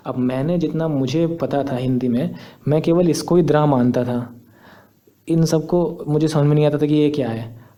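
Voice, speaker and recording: Patient young man, mellow voice. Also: mid-range voice. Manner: patient, step-by-step, repeats points. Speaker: teacher. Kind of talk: explaining on a screen tutorial.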